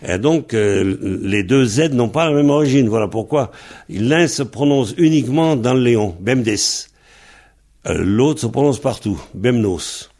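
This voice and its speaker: A man gives a slow Breton pronunciation lesson, patiently spelling words out one letter at a time. His voice is mid-range, unhurried, and darkish.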